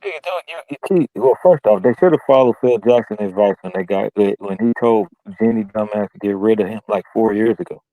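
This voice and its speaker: A middle-aged man calling in to a casual sports chat, complaining slowly and sounding muffled, as if heard through a wall. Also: lowish voice, dry recording. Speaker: caller on a sports talk stream.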